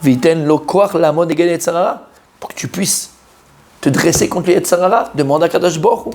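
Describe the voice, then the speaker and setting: A rabbi teaches a weekly Torah class to a live group in a gravelly, somewhat high voice. He is animated and emphatic, quizzes his listeners and repeats key words over and over. Each point lands with force. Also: fairly quick, a little hiss or hum.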